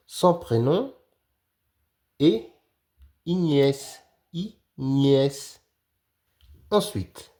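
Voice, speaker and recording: Very slow, mellow man teaching reading. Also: medium pitch. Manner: repeats each word twice, stressing sounds. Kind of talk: slow, deliberate reading lesson for children.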